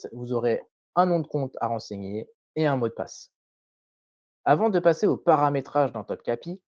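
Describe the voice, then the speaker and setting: A man presenting a scripted tutorial voice-over in a measured, didactic way, carefully enunciated. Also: mid-range voice, a little mellow, no echo, dull audio.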